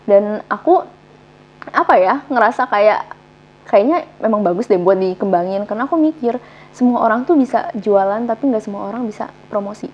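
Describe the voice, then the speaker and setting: A woman's voice: medium pitch, lively intonation, moderate pace. A young woman chatting as a guest, easygoing and full of fillers, with muffled sound. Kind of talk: casual chat. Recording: dull muffled sound, faint hum.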